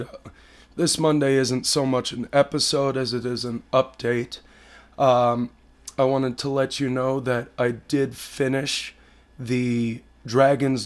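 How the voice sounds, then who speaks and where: A man in his twenties with a hoarse, partly lost voice, giving a blunt, sweary podcast update casually to camera at home. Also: medium pitch. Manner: blunt, sweary, self-deprecating. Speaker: podcast host. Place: living room at home.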